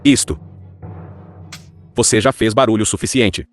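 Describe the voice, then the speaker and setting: Um ator de dublagem dando voz a um marquês nobre e severo, pai autoritário que fala de modo curto e mandão. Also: male voice, lowish voice, measured pace, faint music behind, lightly acted. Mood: curt. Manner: curt, commanding. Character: stern noble marquis father, dismissive. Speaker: dubbing actor.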